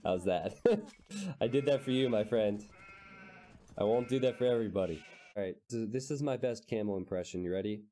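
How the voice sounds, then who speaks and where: A man's voice: lowish voice, moderate pace, mellow. A man casting a live strategy game, full of puns he then mocks himself for, often laughing at his own jokes. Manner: punning, self-mocking, laughs at own jokes. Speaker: caster.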